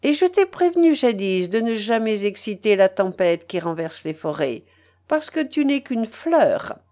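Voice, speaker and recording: A woman's voice: medium pitch, big pitch swings, unhurried, dark tone, pitched above the performer's own voice. A woman reading an audiobook, voicing a vengeful, scornful male pirate who threatens with sneering emphasis. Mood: menacing.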